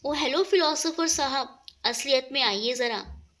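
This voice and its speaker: A woman's voice: high voice, measured pace, fairly bright tone. Playful teasing young woman, read by a narrator.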